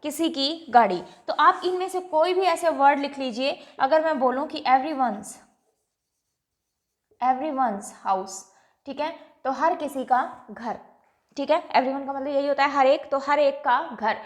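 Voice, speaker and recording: High-voiced woman teaching grammar. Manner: repeats each point and checks if it is clear; draws out example words slowly. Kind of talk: classroom lecture. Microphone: writing on a board.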